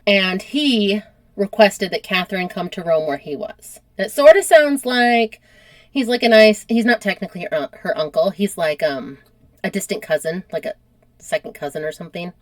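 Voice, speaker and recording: A woman's voice: mid-range voice, dry recording. A woman hosting a podcast, chatting casually as she retells a history story and peppering it with "like". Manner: chatty, animated, uses lots of "like". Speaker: podcast host.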